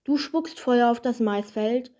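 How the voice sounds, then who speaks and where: A woman voicing a helpful, determined young man in a storybook, in a plain, steady voice. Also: fairly high pitch, a little slow, lightly acted.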